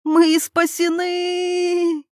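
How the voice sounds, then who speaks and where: A woman's voice: a little high, a little slow, darkish tone, no room sound, studio quality, close to an everyday voice. A woman reading a novel aloud, voicing an exhausted woman lost in a forest who pleads and questions. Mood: overjoyed. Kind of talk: audiobook character reading.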